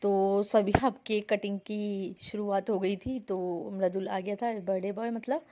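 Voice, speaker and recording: A woman's voice: mid-range voice, steady tone, a little slow, warm tone. A young woman from India narrating her family vlog in a chatty, rambling way, mixing in English words. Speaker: vlogger.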